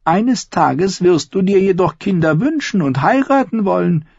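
A man voicing a shrill, imperious middle-aged noblewoman who scolds in a high, vehement voice. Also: lively intonation, unhurried, vocal fry, a little mellow, husky, no echo, muffled recording, heavily acted. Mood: scheming.

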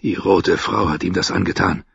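A hoarse, weary old sea captain, grave and stubborn in his loyalty, as a man reads him. His voice is low and husky. The audiobook sound is dull and dry. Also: steady tone, moderate pace, dry recording, heavily acted. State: hoarse after coughing.

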